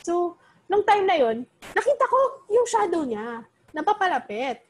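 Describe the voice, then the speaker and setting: Young woman, casual storyteller, high lively voice, Filipino-English mix. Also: measured pace. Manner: animated, Taglish code-switching, many fillers.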